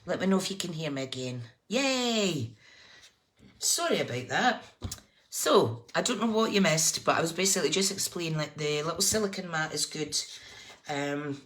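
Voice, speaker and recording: Low-pitched woman, broad Scottish accent, background noise. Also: animated, fairly quick, fairly bright tone. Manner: informal, chatty, thinking aloud while working. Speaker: crafting livestream host. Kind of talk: casual live craft tutorial, chatting to viewers. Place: indoors at a craft table. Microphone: phone above the desk. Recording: clear background noise, clicks of handling.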